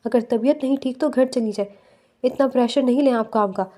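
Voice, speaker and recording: A woman's voice: fairly high pitch, a little fast, mellow, lightly acted. A woman reading a male office boss. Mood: concerned. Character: male office boss, caring then menacing.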